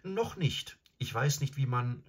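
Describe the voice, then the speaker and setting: A man's voice: mid-range voice, expressive, unhurried, voice pushed up. A man reading aloud and voicing a timid young boy who pleads anxiously. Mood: pleading, nervous. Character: timid young boy, nervous first-time rider.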